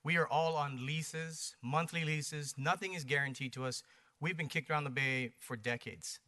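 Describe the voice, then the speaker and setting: His voice runs on the high side, steady and at normal speed, with a bright, forceful tone. The American man from Hawaii speaks for a paddling community at a planning commission meeting, pressing his point in short, emphatic bursts and rhetorical questions.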